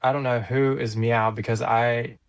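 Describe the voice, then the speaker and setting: Male co-host, middle pitch, easygoing and hesitant. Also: normal speed, background noise. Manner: relaxed, laughs easily, hesitant fillers. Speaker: podcast co-host. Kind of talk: casual chat reviewing songs.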